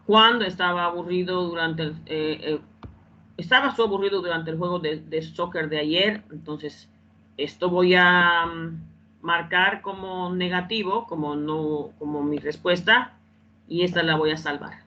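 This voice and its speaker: Woman teacher, bright tense voice, repeats herself and checks in often; muffled online-call audio with faint keyboard clicks behind. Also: fairly low pitch, a little slow, a little hiss or hum. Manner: repeats phrases, keeps checking understanding. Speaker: English teacher. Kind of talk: online class explanation.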